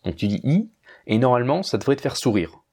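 A man giving a casual pronunciation lesson, speaking slowly and repeating words carefully, addressing the listener informally. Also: medium pitch, very animated, darkish tone, husky. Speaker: language teacher.

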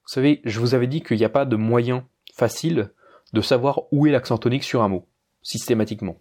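A man's voice: mid-range voice, a little fast, darkish tone. A man teaching a language lesson, explaining a rule patiently and speaking straight to the learner. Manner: patient, addresses the learner directly.

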